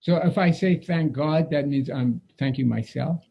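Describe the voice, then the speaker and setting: A man's voice: a little high, moderate pace, vocal fry, slightly rough, highs cut off. A man from the audience asking questions hesitantly, searching for his words. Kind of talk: live question and answer.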